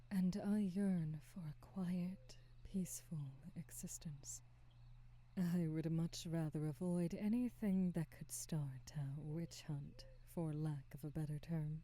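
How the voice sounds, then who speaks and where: In an ASMR roleplay, a woman voices a kind witch who has kept her shop for centuries, sounding gentle, motherly and wise. She speaks low, in a soft, breathy half-whisper, with soothing, measured and formal phrasing.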